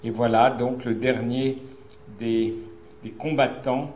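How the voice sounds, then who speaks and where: An older man, a stage director hosting an evening, introducing a guest to a theatre audience slowly and haltingly, with many fillers. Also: medium pitch, fairly even intonation, darkish tone, a little hiss or hum.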